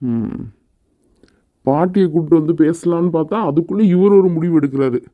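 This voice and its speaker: A man's voice: on the high side, normal speed, no echo, close to an everyday voice. A man voicing a brash young husband who is blunt and teasing but protective of his wife, in a cartoon. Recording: dry, phone-like narrow sound.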